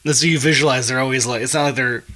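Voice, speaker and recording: A man's voice: mid-range voice, very fast. A man in his thirties co-hosting a podcast, telling stories with energy and laughing often. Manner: animated storyteller, laughs often. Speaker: podcast co-host. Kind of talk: casual podcast chat.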